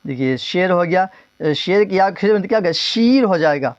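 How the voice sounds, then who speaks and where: A man's voice: sits high, no room sound, highs cut off. Man drilling a grammar lesson. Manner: drills terms, asks and repeats answers; stretches words slowly, then speeds up. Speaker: teacher.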